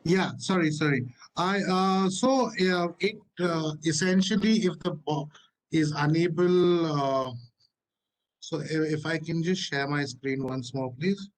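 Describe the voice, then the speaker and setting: Man, slightly high voice, halting presenter demoing software on a video call. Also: low-quality recording. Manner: halting, with many fillers and restarts. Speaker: platform presenter. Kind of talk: live webinar walkthrough.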